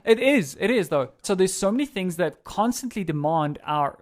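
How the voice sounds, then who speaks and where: A man's voice: high-pitched, expressive, moderate pace. A man co-hosting a podcast in a self-help influencer style, talking conversationally and emphatically. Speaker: podcast co-host.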